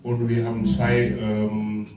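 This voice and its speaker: A man giving a halting, formal presentation with many fillers. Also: on the low side, monotone, darkish tone. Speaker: guest presenter. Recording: echoey hall, distant mic.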